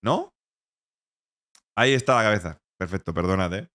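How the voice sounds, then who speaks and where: A man's voice: sits low, lively intonation, moderate pace, fairly bright tone. A man from Spain streaming live, chatting casually and joking, with playful mock-French and bits of other languages. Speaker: Twitch streamer.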